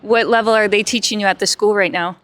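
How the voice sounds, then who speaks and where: A woman's voice: mid-range voice, fairly even intonation, quick pace, fairly bright tone. A woman interviewing people, asking short, casual prompting questions.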